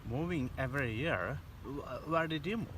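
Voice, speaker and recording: A man in his thirties with a bright, forward voice and a non-native accent asks eager questions, often stumbling over fillers. He was recorded outdoors in a park by a distant camera mic, with faint background noise. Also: mid-range voice, animated, moderate pace. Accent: non-native English. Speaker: host and interviewer. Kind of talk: casual interview. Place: outdoors in a sunny park by a pond.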